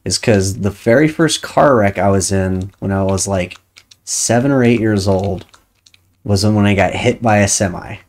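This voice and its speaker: A woman's voice: extremely low pitch, measured pace, darkish tone. A woman streaming a video game, chatting casually and thinking aloud as she plays. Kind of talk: casual chat while playing a game.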